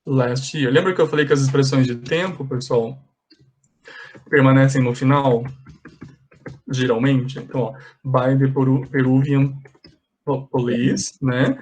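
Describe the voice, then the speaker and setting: A man's voice: mid-range voice, steady tone, unhurried, pauses often, darkish tone. A man teaching an English class online, patiently correcting exercises step by step and slipping in English phrases.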